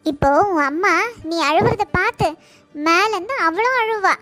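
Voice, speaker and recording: A very high-voiced, gentle cartoon aunt who soothes and coaxes, played by a woman. Her tone stays affectionate and protective. Soft music hums in the background. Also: expressive, normal speed, no room sound, full character voice. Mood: soothing. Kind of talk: cartoon voice acting. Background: faint background music.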